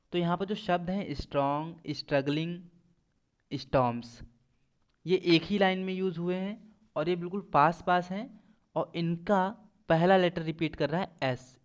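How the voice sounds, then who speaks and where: Slow, measured Hindi-speaking male teacher. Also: a little high, smooth. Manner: slow, deliberate dictation of English examples, explaining in Hindi; asks and answers his own quiz questions. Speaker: English teacher. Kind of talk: classroom lesson explaining poetic devices.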